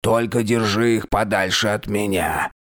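In an audiobook reading, a man with a lowish, steady, fairly bright voice plays a dead, mummified old king. The king is cheerful and curious, speaking slowly and drawing out his words.

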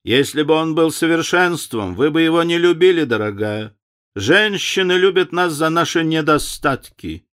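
A man reads as a cynical aristocratic wit in a storybook, drawling his epigrams with a lively, rising and falling voice. He sounds amused by his own cleverness. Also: fairly high pitch, moderate pace, clean tone, pitched above the performer's own voice. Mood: wry. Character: witty cynical aristocratic gentleman.

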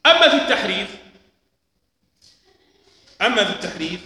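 A man teaching a lesson, explaining slowly and deliberately, repeating key points. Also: high-pitched, sing-song, sharp tone. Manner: slow, deliberate explaining with repetitions. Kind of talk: lecture on hadith transmission. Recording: echoey hall with long reverb.

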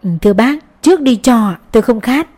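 A woman's voice: fairly high pitch, expressive, a little fast, a little mellow, voice pushed up. A woman voicing a poor, humble mother in a storybook reading, speaking politely and deferentially.

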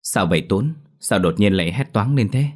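A man's voice: on the low side, animated, normal speed, a little mellow. A man voicing a stern grandmother who soothes and scolds her grandchild in a ghost story. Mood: coaxing. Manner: scolding, firm.

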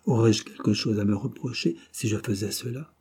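A man reading a resolute young captive hero, earnest and pressing. The voice is dark and husky, close to the narrator's own. It is a storybook reading. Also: on the low side, moderate pace.

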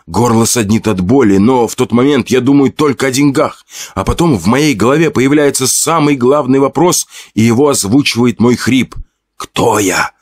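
A man's voice: medium pitch, moderate pace, a little mellow, no echo. A man narrating a first-person horror story in a conversational way, with fillers and asides to the listener.

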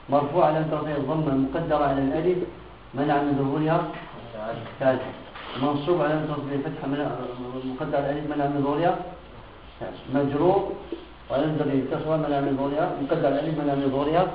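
A man teaching a classroom grammar lesson who often checks that his students follow and repeats example phrases slowly. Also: fairly high pitch, fairly even intonation, slight background noise. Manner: keeps checking students' understanding with questions. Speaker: Islamic teacher. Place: room with students present. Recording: echoey, tinny lo-fi recording.

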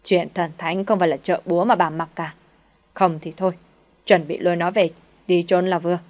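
A woman's voice: on the low side, fairly even intonation, moderate pace, darkish tone, lightly acted. A woman voicing a greedy, scornful middle-aged female village shaman who sneers and scolds. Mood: furious.

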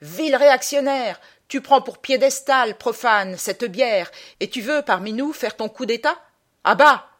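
A woman doing an indignant shouting man in a crowd. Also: on the high side, expressive, a little slow, pitched above the performer's own voice. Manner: loud, denouncing shout.

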